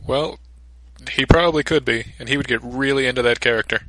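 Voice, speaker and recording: A man's voice: medium pitch, a little fast, fairly bright tone, no room sound, rough recording. A man co-hosting a podcast, chatting casually and tossing in dry jokes. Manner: dry, joking interjections. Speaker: podcast co-host. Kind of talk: casual chat.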